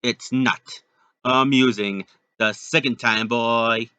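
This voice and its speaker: A stubborn pirate captain, as a man reading a story puts him on, loud and firm. He speaks slowly with a bright edge. The recording is dull and lo-fi. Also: mid-range voice, fairly even intonation, clear, resonant tone, no room sound. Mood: stern.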